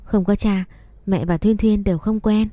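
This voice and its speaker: A woman's voice: medium pitch, fairly even intonation, normal speed, dark tone, dry recording, lightly acted. A woman voicing a tearful, whining little boy in a read-aloud story. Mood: pleading.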